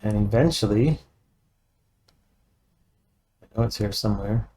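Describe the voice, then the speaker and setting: Mellow-voiced man giving a tech walkthrough. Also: on the low side, unhurried. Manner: methodical, matter-of-fact, thinking aloud. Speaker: computer repair technician, video host. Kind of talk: casual screen-by-screen tech walkthrough.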